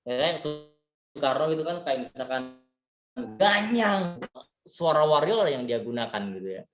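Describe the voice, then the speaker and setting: A man giving a relaxed, chatty leadership lecture, full of fillers and tag words, mixing in English terms. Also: medium pitch, brisk, soft background music. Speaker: leadership trainer. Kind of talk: casual webinar lecture. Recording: echoey room.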